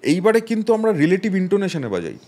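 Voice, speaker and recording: A man with a slightly high-pitched voice, talking as a guest music producer. He explains carefully, building his points around musical examples. He drops English phrases in along the way. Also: big pitch swings, quick pace, mellow. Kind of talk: explanatory interview talk.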